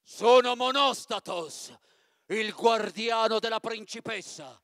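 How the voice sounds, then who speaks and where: A man voicing a jealous, hostile giant who leads the castle guards, in a loud, blustering manner. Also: high-pitched, slow.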